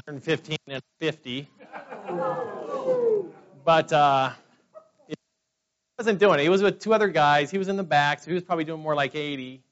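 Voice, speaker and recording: At a business meeting, a man in his forties from California, with a slightly high, somewhat bright voice, shares personal testimony with the room. His telling is rambling and chatty, packed with fillers, and the recording sounds dull and lo-fi.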